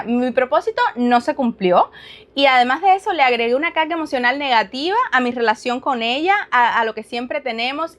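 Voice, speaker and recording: A woman in her thirties, a behavior analyst speaking as a guest, telling a personal story in an animated, lively way. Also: high voice. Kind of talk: casual interview storytelling.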